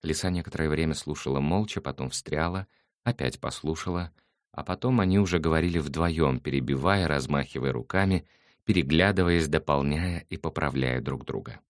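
A man narrating an audiobook in an even, measured manner. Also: very deep voice, no echo, studio quality. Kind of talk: scripted narration.

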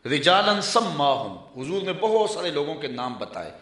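Urdu-speaking preacher in an echoey hall. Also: male voice, a little high, very animated, bright, forceful tone. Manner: slow chanted Arabic phrases between storytelling. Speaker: Islamic preacher. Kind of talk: Urdu sermon with Arabic quotations.

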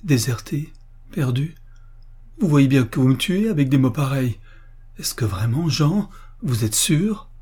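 A man's voice: medium pitch, expressive, unhurried, long pauses, mellow, slightly rough, voice pushed up. A man voicing a desperate young woman in love. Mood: pleading. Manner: impassioned, pleading.

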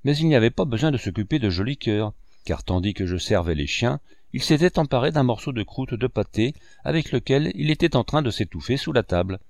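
A man narrating a classic novel in a measured storytelling manner. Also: medium pitch, animated, vocal fry, darkish tone, no echo, clean studio sound. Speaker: audiobook narrator.

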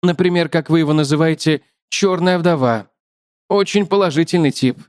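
A man voicing a polite, chatty male spider who calmly lectures a human in a raised voice. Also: a little high, moderate pace, no echo, clean studio sound, pitched above the performer's own voice, close to an everyday voice. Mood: courteous. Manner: courteous, matter-of-fact, lecturing.

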